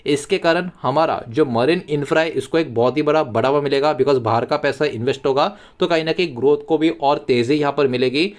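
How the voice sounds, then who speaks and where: A man's voice: a little high, a little fast, hardly any pauses. A man with an Indian accent presenting market news as an explainer, going point by point. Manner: repetitive hedging catchphrases, point-by-point explaining. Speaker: finance news YouTube host.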